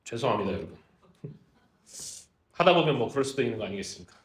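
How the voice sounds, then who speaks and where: A man preaching a lively sermon as a pastor, asking the congregation questions and acting out Jesus and the disciples in casual speech. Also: mid-range voice, very fast, reverberant. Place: church.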